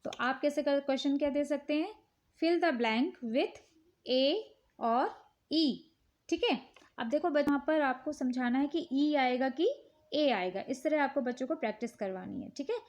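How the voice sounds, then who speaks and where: A woman with an Indian accent, calmly explaining children's worksheets one step at a time. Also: sits high. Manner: slow, patient, repeats "ठीक है" often. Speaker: teacher showing worksheets. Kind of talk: casual instructional talk.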